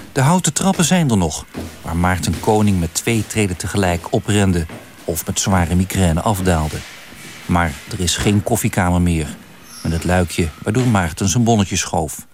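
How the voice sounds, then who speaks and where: A man giving measured, scripted narration for a radio documentary. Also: low voice, a little mellow, a little hiss or hum.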